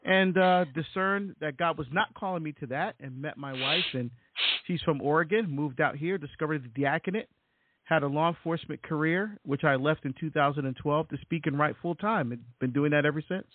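A middle-aged deacon and author from Barbados talks briskly in a high-side voice, relating his story during a casual interview with many fillers and repeats. The recording has a tinny, phone-like quality and is dry.

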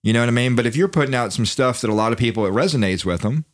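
A man of middle pitch talks fast and lively in a casual podcast chat, swearing freely and tripping over his own restarts as ideas come. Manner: animated, profane, repeats words when starting thoughts. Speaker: podcast co-host.

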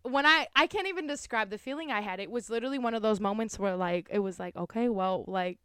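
A woman co-hosting a podcast, telling a story in casual chat, quick and animated with lots of "like"s. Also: medium pitch, smooth, dry recording, studio quality. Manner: animated, fast storytelling with many "like"s and acted-out quotes. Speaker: podcast co-host.

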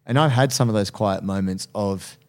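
A man's voice: fairly low pitch, moderate pace, a little mellow. Candid, earnest male strength coach. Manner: earnest, candid, laughs easily. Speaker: strength coach and personal trainer. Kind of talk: casual podcast chat.

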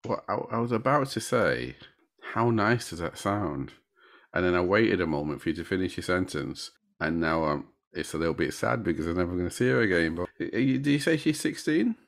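A man co-hosting a podcast, chatting in a halting, rambling way. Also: low-pitched, fairly bright tone. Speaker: podcast co-host. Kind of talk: casual chat.

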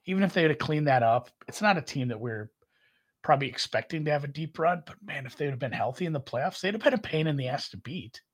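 Man, Minnesotan accent, husky, rambling sports podcast chat, lots of "like". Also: fairly high pitch, fast talker. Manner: rambling, filler-heavy, animated. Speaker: podcast co-host.

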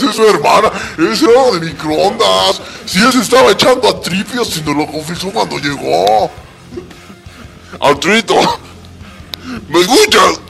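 A man's voice: high voice, vocal fry. A man hosting a comedy radio skit in a joking, playful way. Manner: playful, laughing.

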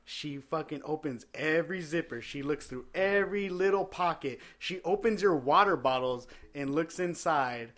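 A man's voice: on the high side, normal speed, few pauses, fairly bright tone. A young man telling stories in casual chat, swearing constantly and laughing as he goes. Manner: profane, storytelling, laughing often.

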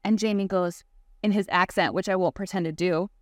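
A woman, a real estate agent on a podcast, chatting casually and acting out quotes in a higher voice, with lots of "like" and "you know". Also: brisk, dry recording, studio quality. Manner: animated, acts out quotes in a higher voice.

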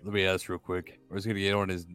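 A man's voice: low-pitched, little pitch movement, fast, a bit bright. A man bantering casually as a player in a tabletop game, with a dry, wry way of talking.

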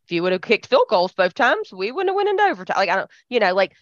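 A woman co-hosting a casual chat, animated and chatty. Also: mid-range voice, fast talker, no echo. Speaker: podcast co-host. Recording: dull lo-fi sound.

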